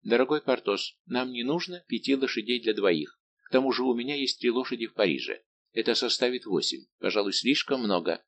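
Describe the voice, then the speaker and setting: A man voicing a shrewd, quick-witted veteran musketeer officer who talks in a lively, coaxing way. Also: mid-range voice, slight background noise. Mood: sly.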